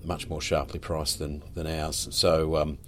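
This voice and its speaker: A man with an extremely low, deep voice, co-hosting a podcast. He chats casually and rambles, looping back through restarts as he talks. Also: little pitch movement, measured pace, slight background noise. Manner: rambling, full of restarts and fillers. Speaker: podcast co-host. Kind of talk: casual chat.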